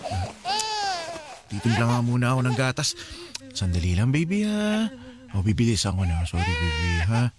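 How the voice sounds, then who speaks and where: An actor playing a young husband and father in a radio drama, pleading with his wife and soothing his baby, then shouting in panic. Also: medium pitch, sing-song, normal speed, long pauses, close to an everyday voice. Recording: radio drama with loud music underscore.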